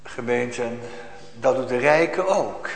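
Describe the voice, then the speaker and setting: A man preaching a sermon to a congregation, slow and solemn, rising to emphatic outbursts, recorded in a church. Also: mid-range voice, expressive, roomy sound, long reverb tail, low-quality recording.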